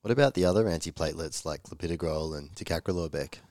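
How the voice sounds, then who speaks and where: A man with a croaky, hoarse voice in a casual educational discussion, speaking as a co-host. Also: rumbling low, quick pace, a little mellow, no echo, studio quality. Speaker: podcast co-host on medical teaching.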